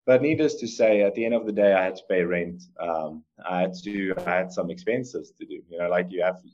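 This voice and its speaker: A South African man in his 30s, a guest artist and coder with an Afrikaans accent, gives casual interview answers over a video call from a room at home. His low, darkish voice moves a little fast, and he rambles earnestly with lots of fillers and restarts. The laptop or webcam mic makes the line sound dull.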